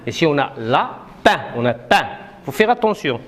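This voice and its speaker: A low-voiced primary school teacher from Morocco leads a reading lesson in class, patiently drilling syllables and correcting young pupils. She speaks at a moderate pace with big pitch swings, and there's a faint hiss or hum.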